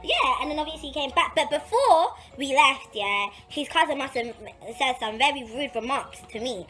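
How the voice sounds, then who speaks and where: Soft music plays behind a young London woman whose voice sits high as she chats at normal speed about something that happened to her. Her talk is casual and slangy, lively, with phrases repeated for emphasis.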